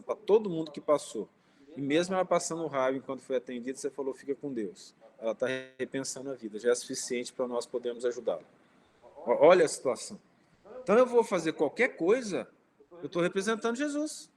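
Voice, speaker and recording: Man, somewhat high voice, informal spiritist speaker telling personal stories and voicing the dialogue in them. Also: expressive, quick pace. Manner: conversational, speaks directly to listeners; acts out quoted dialogue in his stories. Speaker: spiritist lecturer.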